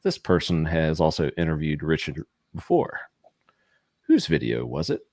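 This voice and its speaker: A man hosting a casual live-stream show, running trivia with quick upbeat laughs. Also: very deep voice, huge pitch swings, a little mellow, dry recording, studio quality. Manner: upbeat quiz-master, laughs often.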